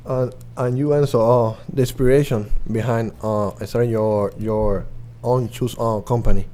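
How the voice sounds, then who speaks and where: A man's voice: medium pitch, fairly even intonation, moderate pace, warm tone, a little hiss or hum. A young man hosting a student podcast, interviewing guests with a hesitant delivery full of filler sounds. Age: young adult. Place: media studio.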